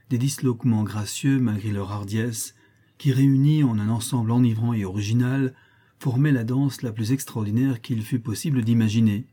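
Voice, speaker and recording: Male audiobook narrator; measured, expressive delivery, dark and husky tone. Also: mid-range voice.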